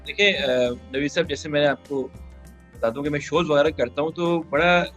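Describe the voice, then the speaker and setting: A man's voice: on the high side, fairly even intonation, moderate pace, a bit bright, faint music behind. A man from Pakistan, a singer and guest in an interview, talking earnestly and telling anecdotes with quoted exchanges. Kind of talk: interview conversation.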